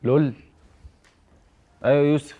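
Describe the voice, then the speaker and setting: A man's voice: a little high, steady tone, measured pace, dark tone. An actor playing an exasperated, sarcastic male friend with an Egyptian accent in a comedy series. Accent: Egyptian Arabic. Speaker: friend and colleague.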